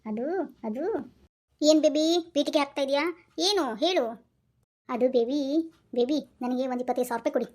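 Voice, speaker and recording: A woman's voice: high-pitched, fairly quick, pauses often, darkish tone, lightly acted. A woman voicing a bossy, wheedling cartoon wife. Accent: North Karnataka Kannada. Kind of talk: cartoon voice acting.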